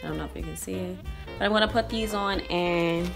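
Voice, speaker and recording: A young woman vlogs from her home kitchen, cooking and explaining each step to viewers she calls y'all. Her voice is on the low side with wildly swooping pitch and a fairly quick pace. Music and sizzling food fill the background.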